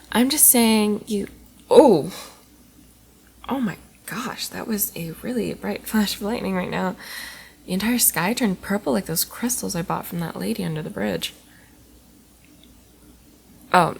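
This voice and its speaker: Her fairly low, gravelly voice plays a tipsy college girl in an intimate ASMR roleplay, frequently dropping to a soft whisper as she rambles and teases fondly. A little background noise can be heard.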